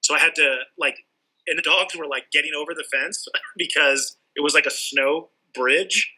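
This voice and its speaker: A Southern California man, a sculptor who also teaches art, chats casually in an interview, his slightly high voice moving at a moderate pace with a sharp tone. He rambles, dropping lots of "like" and restarting often, and the recording quality is low.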